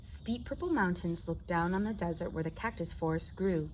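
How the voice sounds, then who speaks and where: An American woman from the southwestern United States desert reads a children's story aloud, expressive and speaking directly to her young listeners. Her voice is fairly low in pitch at a moderate pace, with slight background noise.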